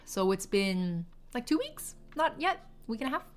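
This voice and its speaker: A woman's voice: fairly high pitch, very animated, normal speed. A woman in her late twenties, a streamer, chatting casually and rambling, giggling often and swearing offhand. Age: 20s. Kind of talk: casual chat with live chat.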